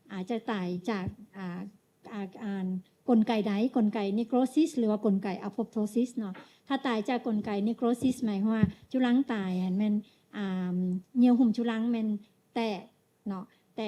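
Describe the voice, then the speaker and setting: A woman interprets a medical lecture, hesitating often and adding tag particles to her sentences. Her voice is slightly high in pitch but very dark and mellow in tone.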